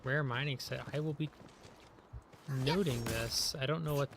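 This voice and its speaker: A man with a mid-range voice talks at a normal pace over a noisy background while playing a video game on a live stream. He's badly short on sleep and rambles chattily, packing his speech with fillers, especially "like." English is his first language.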